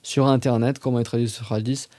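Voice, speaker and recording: A man giving a casual religious lesson on a podcast, talking conversationally and reciting Arabic verses slowly and carefully. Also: medium pitch, steady tone, warm tone, no room sound.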